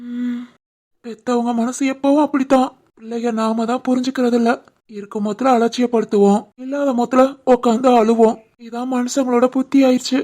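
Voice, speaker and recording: A woman voicing an earnest, soft-hearted young husband and son in an animated family drama, with a Tirunelveli Tamil accent. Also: fairly high pitch, a little fast, natural voice. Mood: tearful. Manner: earnest, pleading.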